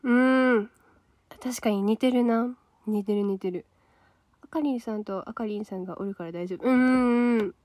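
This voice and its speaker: This idol trainee, a young woman with a Kansai accent, runs a solo livestream where she chats casually and responds aloud to viewer comments. She speaks at normal speed in a slightly mellow voice on the high side, with no echo.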